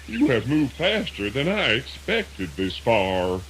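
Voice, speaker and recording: Excitable, swooping storybook rabbit. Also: male voice, medium pitch, slow, a little hiss or hum, low-quality recording. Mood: smug. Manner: exclamatory, folksy, stammering when flustered. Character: boastful, flustered male trickster rabbit of folktale. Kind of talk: children's radio theatre dramatization.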